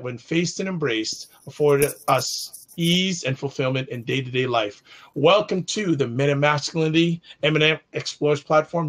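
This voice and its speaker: Male talk show host from Canada, slightly high voice, formal intro then loose live chat. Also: a bit bright.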